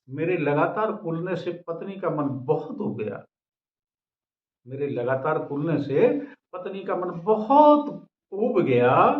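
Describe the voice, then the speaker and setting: A man reciting his own comic verse, speaking slowly, repeating each couplet and chuckling at his own lines. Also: on the high side. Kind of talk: humorous poetry recitation. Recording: echoey dull lo-fi recording.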